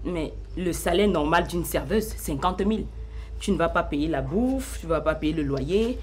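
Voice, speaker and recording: An actress playing a firm, proud wife. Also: female voice, fairly low pitch, lively intonation, normal speed, slight background noise, natural voice. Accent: Cameroonian French. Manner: firm, dismissive. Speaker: wife and restaurant owner.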